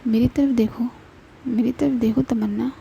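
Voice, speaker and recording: A woman narrator puts on a young woman who hurries and snaps yet cares deeply. The voice is mellow and dark, with a gravelly rasp and little rise or fall. It sounds like a home-recorded storybook reading. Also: steady tone, lo-fi sound, a little hiss or hum. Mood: coaxing. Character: young woman, brisk and impatient but tender.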